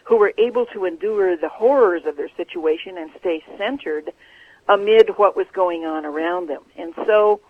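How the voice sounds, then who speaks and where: A man, an author, answering interview questions in an earnest, measured way over the phone. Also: high voice, no echo. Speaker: author guest. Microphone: telephone. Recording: tinny phone line.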